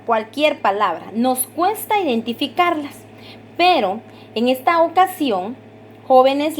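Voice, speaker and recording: A woman teacher giving a recorded grammar lesson, patiently repeating rules, asking her students to repeat them and drawing out each example word slowly. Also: sits high, a little hiss or hum. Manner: stretches out example words slowly.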